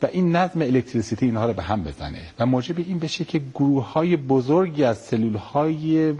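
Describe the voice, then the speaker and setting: A middle-aged man, a pediatric neurosurgeon, answering interview questions politely and explaining calmly with everyday comparisons. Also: mid-range voice, husky, muffled recording.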